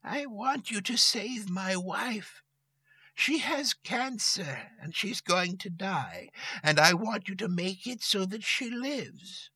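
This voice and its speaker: A firm, unflappable old woman speaks slowly and deliberately, as a man puts her on. Her voice swings widely in pitch and has a husky edge. The sound is dry and close. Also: expressive, bright, forceful tone, dry recording, heavily acted. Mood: earnest. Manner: cool, firm, slow and deliberate. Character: stern, calm old woman summoner.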